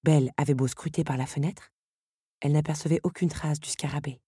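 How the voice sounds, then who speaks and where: Low, husky woman narrating an audiobook. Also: steady tone, brisk, dark tone, dry recording, studio quality.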